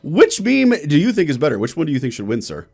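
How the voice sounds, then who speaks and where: Guy co-hosting a game show, pitch jumps all over, kinda high, animated chatty, faint music behind. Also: quick pace, vocal fry, breathy edge. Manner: animated, addresses viewers as guys. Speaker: co-host of a gaming show. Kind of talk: casual chat.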